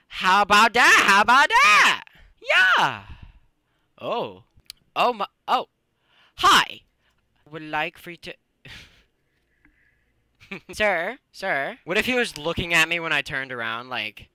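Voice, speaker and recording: Excitable young man, very bright high voice. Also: clean tone, no room sound. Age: young adult. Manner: excitable, jumpy, slangy. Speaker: gaming video host. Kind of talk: casual, reactive horror game commentary. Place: small room indoors.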